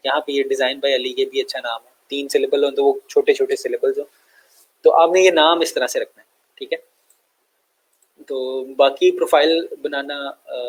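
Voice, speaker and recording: A young man with a Pakistani Urdu accent explaining step by step in a screen-share tutorial, relaxed and full of fillers and check-ins. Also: a little high, husky, rough recording. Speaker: online tutor.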